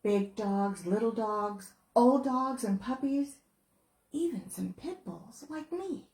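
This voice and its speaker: A woman who is a children's book author, reading her picture book aloud in a playful, expressive way. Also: fairly high pitch, takes it slowly. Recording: roomy echo.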